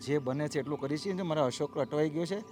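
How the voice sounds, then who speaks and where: A middle-aged actor playing a humble father who pleads earnestly and tries to calm others. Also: a little high, fast, music in the background, lightly acted. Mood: pleading. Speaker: actor in a family drama.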